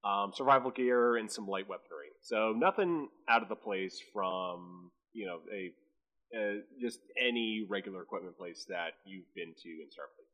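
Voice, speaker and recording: A man's voice: lowish voice, moderate pace, highs cut off. A man running a tabletop role-play game as game master, calling rolls and describing scenes. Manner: animated, laughs easily, restarts often.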